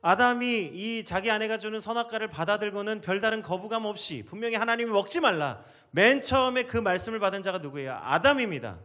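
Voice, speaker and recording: Animated Korean pastor preaching. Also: male voice, sits high, fast, hardly any pauses. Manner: dramatic, acts out biblical voices with sharp rises and drops to near whisper. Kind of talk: sermon.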